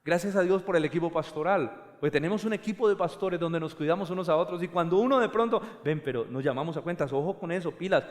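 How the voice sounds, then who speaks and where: A high-voiced middle-aged man preaches as pastor in a church. He swings from hushed low stretches to loud, fervent bursts. His voice rings with a long hall reverb. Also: quick pace, few pauses. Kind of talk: sermon.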